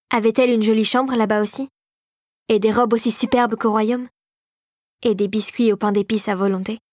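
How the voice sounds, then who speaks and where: A woman narrating a children's storybook in a clear, steady storytelling manner. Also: a little high, dry recording, studio quality.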